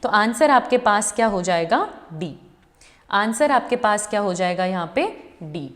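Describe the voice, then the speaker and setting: A woman's voice: mid-range voice, animated, unhurried, a bit bright, long reverb tail. A woman teacher giving an exam-prep lecture, walking through each question step by step, repeating the answers and addressing students as her children.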